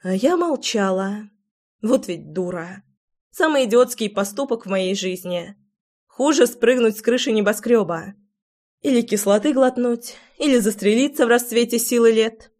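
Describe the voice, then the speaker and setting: A woman narrating a first-person audiobook with an expressive, dramatic reading. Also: fairly high pitch, normal speed.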